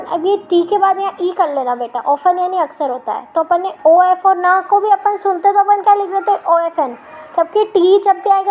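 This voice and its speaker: A woman teacher explaining English spelling to children, patiently repeating words slowly. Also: extremely high pitch, slight background noise, low-quality recording.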